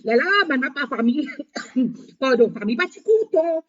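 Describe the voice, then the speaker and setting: A woman hosting a live stream, talking in a rambling monologue with halting, repetitive, broken phrasing. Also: high voice, lively intonation. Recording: dull lo-fi sound.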